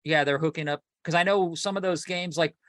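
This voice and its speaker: Telling stories on a collecting podcast he co-hosts, a man talks a little fast in a fairly high voice with no room sound. He's animated and casual, rambling and restarting often.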